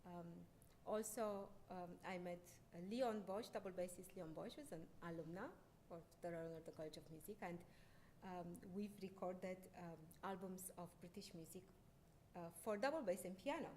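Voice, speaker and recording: Pianist lady lecturing at a research forum, lots of ums and restarts, bit of rumble and hiss behind. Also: moderate pace, a little mellow. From Romania. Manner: hesitant, many fillers and restarts. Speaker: concert pianist giving a research talk. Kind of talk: lecture presentation. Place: lecture hall. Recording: faint background noise and rumble.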